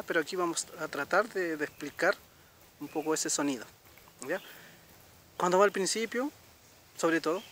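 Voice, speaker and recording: A middle-aged man from Chile teaching a language lesson, patiently repeating words slowly and checking in with listeners. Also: a little high, fairly bright tone, a little hiss or hum. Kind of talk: casual spoken lesson.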